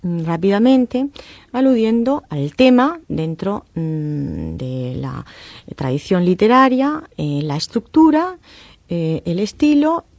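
A woman lecturer explaining text analysis in a measured way, often pausing with "eh" and tag questions. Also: on the low side, very animated, a little mellow, no echo. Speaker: university lecturer.

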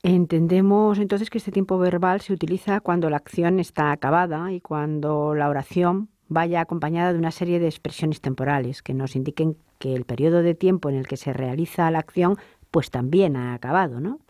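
A woman's voice: low-pitched, fairly even intonation, fairly quick, warm tone, dry recording, clean studio sound. A woman hosting a language lesson, posing questions and summing up each point. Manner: poses questions and sums up. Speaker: host. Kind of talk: scripted lesson moderation.

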